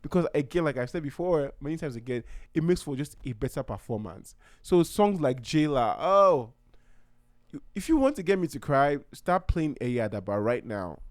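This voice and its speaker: A man's voice: on the high side, animated, normal speed, no room sound, clean studio sound. A young man from Nigeria hosting his own podcast in a casual, heartfelt way, rambling and often restarting his sentences. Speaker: podcast host. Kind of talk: casual solo podcast talk.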